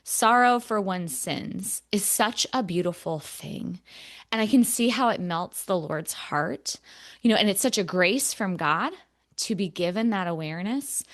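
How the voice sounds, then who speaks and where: A woman co-hosts a podcast, talking through a personal story in an earnest, reflective way. Her voice sits at a middle pitch, she leans on many fillers, and she sounds close to tears. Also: unhurried, a bit bright. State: emotional, near tears. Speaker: podcast co-host. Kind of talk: casual podcast conversation.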